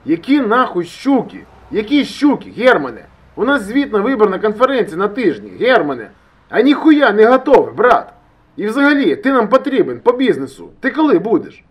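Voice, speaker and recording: Audiobook character: male reader doing a loud, pushy buddy shouting over a bad line, high and strained, husky. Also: huge pitch swings, fairly quick, hardly any pauses, exaggerated voice. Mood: shouting urgently. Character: agitated male friend shouting down a phone line.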